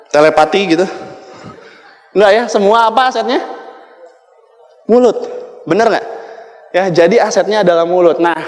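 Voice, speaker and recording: A man gives a motivational talk to a sales audience and keeps asking the crowd questions. His voice sits high for a man. It rings with long reverb in a large hall. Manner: addresses the crowd with rhetorical questions. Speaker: motivational speaker at a sales event.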